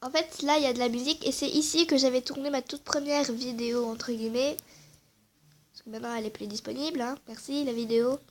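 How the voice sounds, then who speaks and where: A woman game vlogger casually walks viewers through her game character, chatty and hesitant, with muttered asides under her breath. Her voice sits high, talks fast, and keeps a fairly even intonation.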